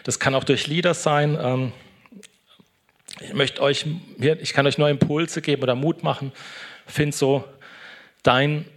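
A man's voice: on the high side, steady tone, measured pace, long pauses, a bit bright. Chatty man giving a casual sermon. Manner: chatty, tags sentences with a questioning "ne". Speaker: pastor. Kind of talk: casual devotional talk.

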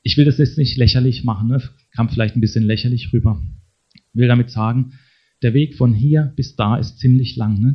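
A middle-aged man preaching a conversational sermon, speaking straight to his listeners and ending many sentences with a questioning tag. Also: mid-range voice. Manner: talks to the congregation directly, tags sentences with a questioning "ne?". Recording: dull lo-fi sermon recording.

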